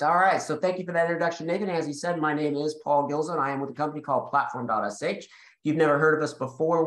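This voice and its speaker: A man's voice: a little high, a bit bright. Eager man presenting in a roomy echo. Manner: eager, explanatory, self-correcting. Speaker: developer and guest presenter. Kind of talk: technical webinar presentation.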